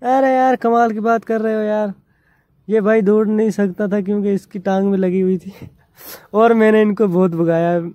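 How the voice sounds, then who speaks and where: Young male vlogger, pushy and teasing, high mellow voice, casual banter. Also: steady tone, normal speed, no room sound. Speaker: vlogger pulling a prank. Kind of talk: casual prank vlog banter. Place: outdoors by the road with motorbikes.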